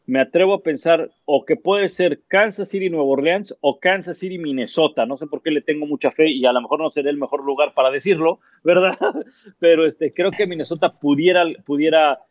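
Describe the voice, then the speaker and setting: A man's voice: fairly high pitch, a little fast, dry recording, lo-fi sound. A man, a sports commentator telling stories in a casual interview, acting out quotes. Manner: animated anecdote-telling, acts out quotes.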